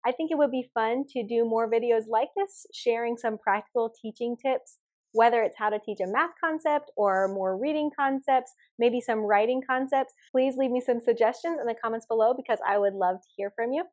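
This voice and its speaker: A woman in her thirties hosting a homeschool channel, explaining reading games step by step in an upbeat, practical way and slowly sounding out letters. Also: fairly high pitch, darkish tone. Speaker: homeschooling mom and channel host. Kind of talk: instructional video talk.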